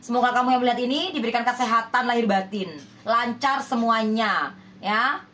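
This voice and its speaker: High-voiced woman giving an emphatic reading. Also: fairly quick, pushed and bright. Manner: emphatic, repeats rhetorical questions like "ya kan?"; scolding, persuasive. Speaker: spiritual healer giving love readings. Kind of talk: direct address to viewers, relationship reading.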